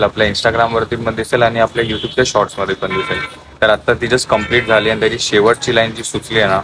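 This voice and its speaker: A man's voice: on the low side, noisy background. A man narrating a casual home vlog and chatting to his viewers as friends. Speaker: vlogger.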